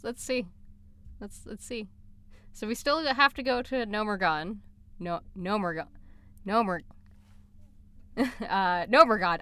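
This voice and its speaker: A woman's voice: mid-range voice, a bit bright, smooth. Woman chatting on a podcast. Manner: chatty, frequent restarts and laughs. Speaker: podcast co-host. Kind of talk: casual podcast chat. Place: library recording room. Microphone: studio microphone.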